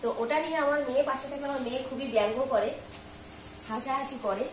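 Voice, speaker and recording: Middle-aged woman, hurried rambling vlog chat, recorded off-mic in a noisy, echoey kitchen. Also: sits high. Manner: chatty and rambling, admits she talks hurriedly and mixes up words. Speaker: vlogger. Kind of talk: casual home cooking vlog chat. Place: home kitchen, cooking on a gas stove. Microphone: camera held by her husband at some distance. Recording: roomy, distant and noisy home recording.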